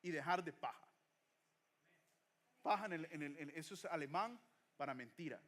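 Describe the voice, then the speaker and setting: High-voiced preaching pastor. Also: male voice, animated, moderate pace, a bit bright. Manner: preaching with rhetorical questions, mixing in English phrases. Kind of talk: sermon.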